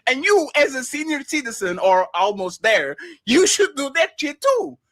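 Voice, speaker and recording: A man's voice: very high voice, big pitch swings, moderate pace, a bit bright, no room sound, clean studio sound. A man in his thirties bantering on a live panel, teasing the others and laughing often. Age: 30s.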